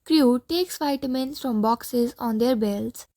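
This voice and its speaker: A woman narrating the stage directions of an audiobook play in a clear, steady reading. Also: fairly high pitch, slow pace.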